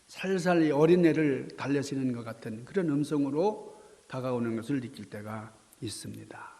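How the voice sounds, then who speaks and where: A middle-aged man preaching a sermon as a pastor, swinging from loud dramatic cries down to soft, near-whispered asides. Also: on the high side. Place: church sanctuary. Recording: long church reverb.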